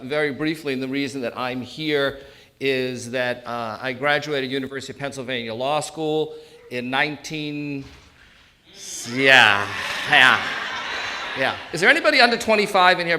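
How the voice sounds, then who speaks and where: An elder law attorney in his sixties, speaking in a mid-range voice with a sharp tone and a New England accent. He gives an informal live talk, joking and bantering with his audience.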